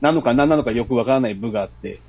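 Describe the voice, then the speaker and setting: A man's voice: medium pitch, very fast, breathy edge, no echo, highs cut off. A man chatting as a podcast guest, explaining casually and searching for his words.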